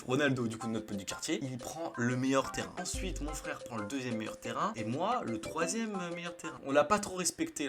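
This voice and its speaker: A young man, a YouTuber, casually telling funny anecdotes to camera in a slangy, chatty way, often laughing at his own stories. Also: medium pitch. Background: music.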